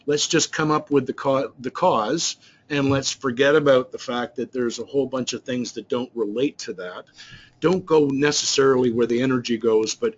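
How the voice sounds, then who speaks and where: A man presents slides in a recorded webinar as a business trainer, speaking at a moderate pace in a mid-range voice. He rambles, restarting often and leaning on fillers. The sound quality is lo-fi.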